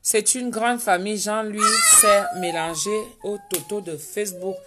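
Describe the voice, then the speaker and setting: A woman's voice: mid-range voice, moderate pace, heavy background noise. A woman hosting a casual live stream from home, chatting and reading out viewers' names and comments. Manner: chatty, reads viewer names aloud and answers them.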